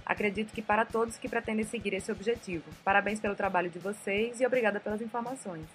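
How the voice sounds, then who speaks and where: A woman co-host reads news items in a steady, clear, informative way. Her pitch sits in the middle range for a woman. Faint music plays in the background. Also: fast. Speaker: podcast co-host. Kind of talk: podcast news reading and chat.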